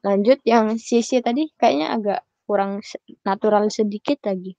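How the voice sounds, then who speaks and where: A young woman giving a relaxed, chatty private language lesson, patient and quick to laugh. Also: mid-range voice, no room sound, dull audio. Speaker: Mandarin tutor.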